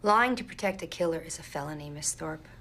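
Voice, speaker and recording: A woman's voice: low-pitched, lively intonation, a little fast, a bit bright, exaggerated voice. An actress playing a guarded, driven woman police detective in film dialogue. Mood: stern. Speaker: actor in a thriller film. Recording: music behind the dialogue.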